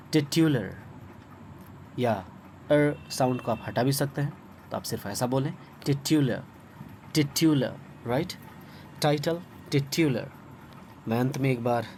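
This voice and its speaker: A man's voice: medium pitch, a little mellow, slight background noise. A man with an Indian accent teaching English vocabulary in an online lesson, spelling words letter by letter and repeating pronunciations patiently. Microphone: phone screen recording.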